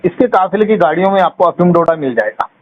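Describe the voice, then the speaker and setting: Over a muffled phone line with clear noise, a man gives a long, accusatory account of events, blunt, scornful and colloquial, peppered with rhetorical questions. His voice is high-pitched and expressive, and he talks fast.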